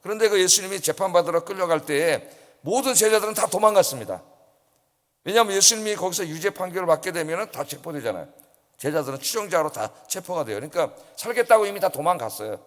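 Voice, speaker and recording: A man's voice: sits high, lively intonation, fast. A man preaching an early-morning sermon as pastor, telling the story vividly, acting out quoted voices and asking the congregation questions. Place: church sanctuary. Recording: long church hall reverb.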